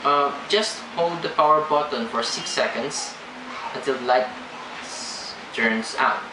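A young man playing a polite call center agent, with a stilted, halting scripted delivery. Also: mid-range voice, natural voice. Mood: polite, instructing. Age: young adult. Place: small indoor room. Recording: echoey room, loud background hum.

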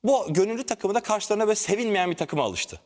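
A man's voice: high-pitched, lively intonation, fast talker, a little mellow, long reverb tail. A man on a TV panel show, arguing his point insistently and explaining with examples. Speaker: TV panel commentator. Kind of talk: heated panel debate.

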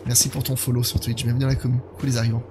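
A man's voice: mid-range voice, little pitch movement, racing, over music. A man in his thirties giving casual live commentary on a horror game while chatting with his viewers. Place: indoor gaming setup.

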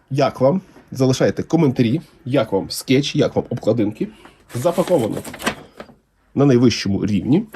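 A man's voice: mid-range voice, slight background noise. A man talking casually and enthusiastically as he unboxes comics for his channel. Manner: enthusiastic, unhurried, lively intonation.

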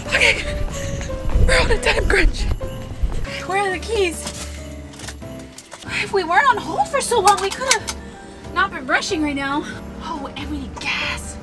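A young woman vlogging to a handheld camera, chatty and excitable, talking in a car and outdoors. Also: very high voice, a little slow, pauses often, music in the background. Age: young adult. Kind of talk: casual vlog chat. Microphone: handheld camera at arm's length.

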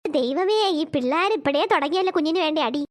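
A woman's voice: sits high, fast talker, close to an everyday voice. A woman voicing an old grandmother in a cartoon who scolds her squabbling grandchildren in a weary, exasperated way. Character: fussy old grandmother scolding bickering kids. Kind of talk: cartoon voice acting.

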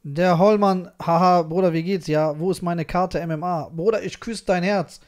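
Excited high-voiced slangy male streamer. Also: moderate pace, noisy background. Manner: excited slangy street talk. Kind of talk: live stream reaction.

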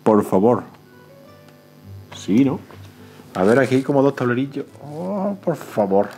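A man, excitedly unboxing a board game in casual talk, often pleading to himself and chattering to viewers. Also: medium pitch, measured pace, faint music behind. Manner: excitable, pleading and self-talking. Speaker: board game channel host. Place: indoors at a table, off camera.

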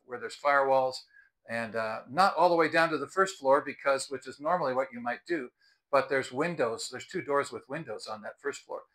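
An American video host and product reviewer in his sixties speaks to camera in a medium-pitched, sharp voice. Sitting on a house's front porch outdoors, he explains things in an earnest, advisory vlog style. A clip-on lapel mic captures him.

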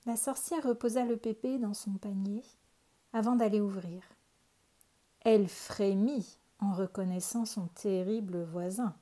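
A woman calmly reading a children's picture book aloud. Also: mid-range voice. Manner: calm, unhurried storytelling. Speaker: storyteller.

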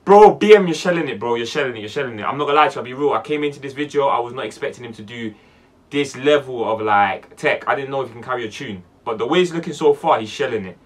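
Hosting a music reaction video from a small dark room indoors, a young man in his twenties with a London accent trades casual, slang-heavy banter. He swings between loud bursts and low mutters, talking at a quick pace with lively intonation.

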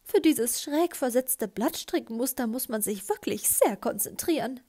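A woman's voice: on the high side, expressive, measured pace, dark tone, voice pushed up. Woman doing a flustered, fussy old lady. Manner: stammering, fussy.

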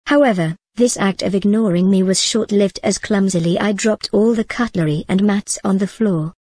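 A woman reading a story aloud in a measured, even manner. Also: mid-range voice, breathy edge, no echo. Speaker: narrator. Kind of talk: storybook narration.

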